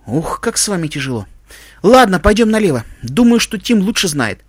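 A man's voice: high-pitched, sing-song, moderate pace, husky, no room sound, clean studio sound, heavily acted. A man voicing a tired, exasperated unicorn mare who grumbles wearily. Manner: weary, grumbling.

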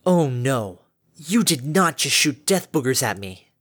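A man's voice: mid-range voice, very animated, unhurried, breathy edge, dry recording, clean studio sound, heavily acted. A man doing a brash, scrappy mare pony. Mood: brash, taunting. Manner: loud, sarcastic, cursing mildly. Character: brash, scrappy adult female pegasus pony.

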